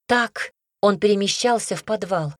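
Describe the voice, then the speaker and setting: A woman narrator voicing a quiet, matter-of-fact young woman in an audiobook, with a slightly higher voice. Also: normal speed, dry recording, clean studio sound, close to an everyday voice. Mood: explaining.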